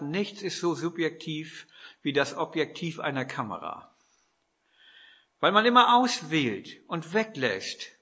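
Male preacher from northern Germany, husky and bright, storytelling sermon delivery, dull lo-fi recording. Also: fairly high pitch. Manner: storytelling with rhetorical questions and quoted dialogue.

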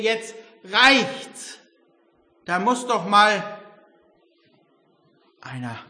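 An older man preaching a sermon, emphatic, swinging between loud exclamations and quiet reflection. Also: high voice. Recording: long hall reverb.

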